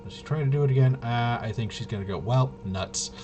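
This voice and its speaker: A man acting as game master casually narrates tabletop roleplaying gameplay, thinking aloud haltingly and muttering to himself along the way. His voice sits in the mid range, against a noisy background.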